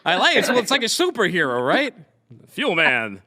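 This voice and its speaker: A man's voice: high-pitched, wildly swooping pitch, fast talker, sharp tone, long reverb tail. A man hosting a casual trucking news show, chatty and joking with his guests. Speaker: show host.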